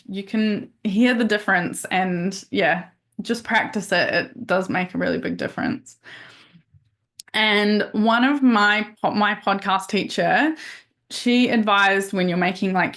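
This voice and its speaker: A woman's voice: mid-range voice, fairly bright tone. A woman podcast host giving a casual webinar over a video call, chatty and upbeat, with plenty of fillers and restarts.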